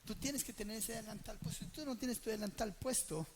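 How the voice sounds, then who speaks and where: A man's voice: high-pitched, a little fast, background noise. A man preaching a sermon at a church gathering, telling a personal story, asking the congregation questions and acting out the dialogue. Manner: animated, asks the congregation questions and acts out dialogue.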